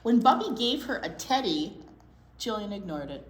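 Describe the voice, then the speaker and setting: Reading to young children at the library, she keeps an animated storytime manner at medium pitch, breaking off now and then to wonder aloud and quiz her listeners. The space has a roomy echo, with clear background noise.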